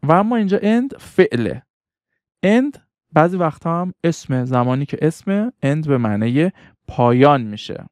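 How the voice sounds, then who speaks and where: A man's voice: mid-range voice, a little mellow, no room sound, clean studio sound. A man teaching English vocabulary, patiently repeating each word and its meaning. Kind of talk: vocabulary lesson.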